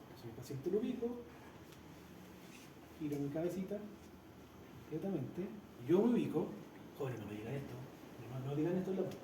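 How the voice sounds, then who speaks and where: Male instructor, walks students through a practical demo step by step, slightly high voice, recorded in an echoey room. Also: sing-song, fairly quick, long pauses. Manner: explains step by step, often checks with "¿ya?". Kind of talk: hands-on practical class demonstration. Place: practice room with a treatment table. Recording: echoey room with loud background noise.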